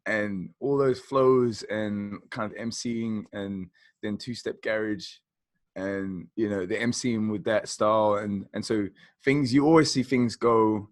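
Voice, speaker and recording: This is casual music chat from a podcast co-host, a man in his 40s hailing from South Croydon in London, England. Enthusiastic and rambling, he sprinkles in plenty of "you know." His fairly low voice holds a steady tone at a measured pace, with no room sound.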